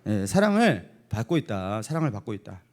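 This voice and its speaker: Animated Korean pastor quizzing his congregation. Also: on the low side, a little fast. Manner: asks the congregation playful either-or questions, chuckling. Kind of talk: sermon. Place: church sanctuary.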